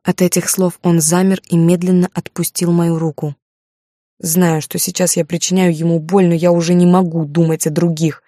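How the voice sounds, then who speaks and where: A woman's voice: on the low side, flat delivery, moderate pace, warm tone, dry recording, studio quality. A woman narrating a first-person novel in an emotional, dramatic way. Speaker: audiobook narrator.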